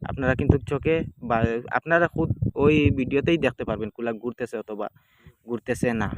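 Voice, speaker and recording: A man talks viewers through a folk ritual step by step, repeating himself as he goes. His voice sits at an ordinary middle pitch. A steady hiss of background noise runs under the whole home video. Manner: repetitive, plain explaining, addresses viewers directly. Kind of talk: casual spoken demonstration. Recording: clearly noisy home video.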